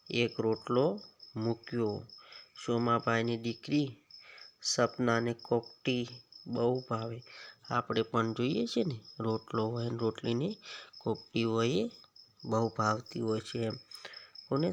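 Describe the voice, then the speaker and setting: Slow gravelly Gujarati man teaching kids. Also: mid-range voice, a little hiss or hum. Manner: slow, explanatory, asks the children questions. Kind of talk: reading a story aloud to schoolchildren.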